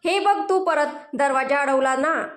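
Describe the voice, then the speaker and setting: A hot-tempered young man from a spoken story, indignant and hurling insults, as a woman reader puts him on. The voice sits high, and the recording carries a roomy echo. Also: a little slow. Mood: angry, indignant.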